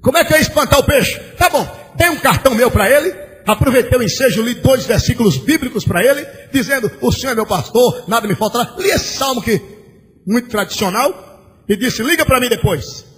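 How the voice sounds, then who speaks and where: A pastor preaching a sermon, shouting bursts and a sing-song cadence as he acts out conversations, in an old church recording. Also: very high-pitched, expressive, fairly quick. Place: large church. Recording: old church recording with long hall reverb and faint hiss.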